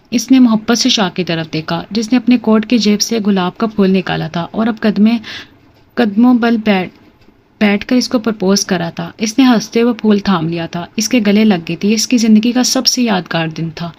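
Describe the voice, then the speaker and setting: A woman reading a novel aloud in a steady, even narration. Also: medium pitch. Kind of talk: scripted audiobook narration. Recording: slightly muffled recording.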